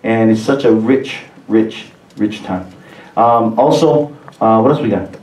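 A man's voice: fairly low pitch, measured pace, darkish tone. A middle-aged man with a Hawaiian Pidgin-tinged accent, a pastor giving church announcements in a chatty, upbeat way with laughing asides. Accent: Hawaiian Pidgin-tinged English. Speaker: pastor and worship leader. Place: stage of a large movie theater used as a church. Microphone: handheld mic on a stand, far camera. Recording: roomy theater sound from far off.

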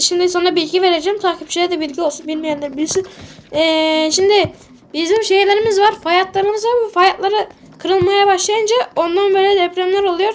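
A woman role-playing panicky, excitable commentary over a sandbox game. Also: very high voice, slight background noise. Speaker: gaming video creator.

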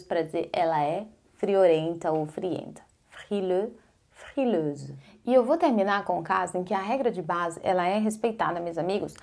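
A woman teaching a casual online French lesson, slowly repeating words for the viewer and encouraging them to practice along. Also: mid-range voice, darkish tone. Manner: slow careful pronunciation drills, repeating words.

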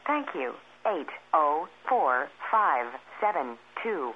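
A woman's voice: low voice, very animated. A woman reading a formal recorded phone message, heard over a telephone line. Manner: measured, formal announcement. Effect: recorded intercept message played over a phone line. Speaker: telephone intercept announcer. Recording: tinny phone line with clear hiss.

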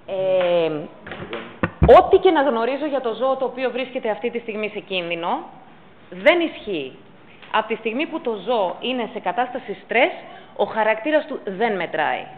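A woman's voice: fairly high pitch, sing-song, narrow, tinny audio, slight background noise. A woman teaching pet first aid at a public talk, stressing and repeating her key points. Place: council chamber.

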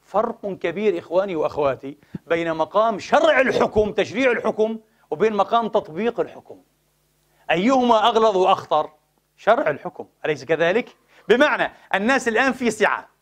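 A man giving a Friday sermon lecture, animated and full of rhetorical questions to the congregation. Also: sits high. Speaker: preacher.

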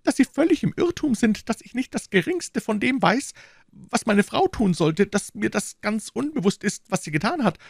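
Bonacieux, a shrill panicked shopkeeper. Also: male voice, sing-song, normal speed, creaky, no room sound, clean studio sound, heavily acted. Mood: pleading. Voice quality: shrill, pleading. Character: frightened whining male shopkeeper prisoner.

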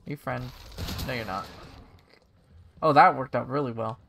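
A young man casually commentating a game stream, excitable and giggly, thinking out loud as he plays. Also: mid-range voice, normal speed, gravelly, slight background noise.

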